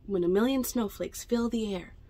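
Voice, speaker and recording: A woman in her twenties, medium-pitched and moderately paced, reads a picture book to children during library storytime amid the bookshelves. She is expressive, chats in asides and talks straight to the kids. A little hiss or hum is audible.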